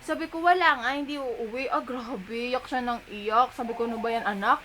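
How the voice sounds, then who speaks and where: A chatty young Filipino mother talks straight to her viewers, switching easily between languages. Her voice sits a little high. She is recorded at home in a bedroom on a tripod camera. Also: normal speed, a crowd in the background. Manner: chatty, addresses viewers as sisters, mixes in English. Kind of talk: casual home vlog chat.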